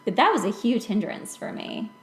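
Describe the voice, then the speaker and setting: Sounding sing-song at a medium pitch and normal speed, a late-twenties American woman swaps personal stories as a podcast host. The room echoes, and her conversational style is chatty and self-deprecating.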